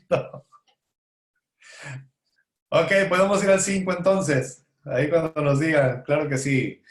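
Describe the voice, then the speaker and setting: A man leads a Bible study in a casual teaching style, often asking a question and answering it himself, with small jokes along the way. His voice sits a little high. The room around him is echoey. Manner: asks and answers his own rhetorical questions, joking asides. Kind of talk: conversational Bible study lesson. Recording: roomy echo.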